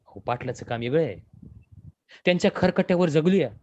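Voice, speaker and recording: A man's voice: fairly high pitch, expressive, brisk, warm tone, muffled recording, close to an everyday voice. Man doing a defiant laborer. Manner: blunt, indignant. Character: defiant poor rural laborer man, proud.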